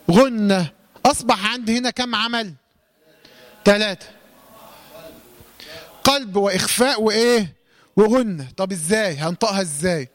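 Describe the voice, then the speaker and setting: A man with an Egyptian accent teaching Quran recitation rules, asking questions and answering them himself. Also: sits high. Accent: Egyptian Arabic. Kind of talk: tajweed lesson.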